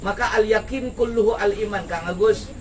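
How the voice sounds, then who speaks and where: A lively preacher calling to a crowd outdoors. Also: male voice, high-pitched, moderate pace. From West Java, Indonesia. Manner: lively call-and-response preaching. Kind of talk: sermon. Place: outdoor evening gathering with a crowd. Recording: distant mic with background noise.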